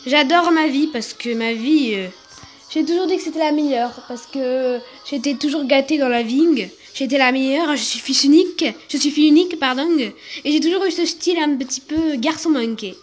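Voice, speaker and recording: Woman putting on a loud young tomboy, Marseille accent, high voice, boastful, rambling, faint music. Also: moderate pace, natural voice. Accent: put-on Marseille. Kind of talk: toy video role-play.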